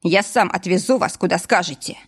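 A woman's voice: fairly low pitch, brisk, slightly rough. A woman reading an audiobook voices a stern former police officer who speaks firmly and curtly. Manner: firm, commanding, curt.

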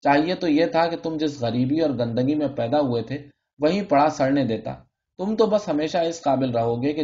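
A man's voice: medium pitch, dark tone, lightly acted. A man voicing a pompous middle-aged pharmacist in a scolding, self-righteous tirade, on a dull lo-fi recording. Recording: dull lo-fi audio.

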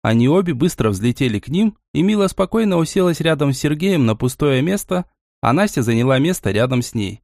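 A man narrating a fantasy audiobook in an even, storytelling manner. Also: fairly high pitch, brisk, gravelly, no room sound, studio quality.

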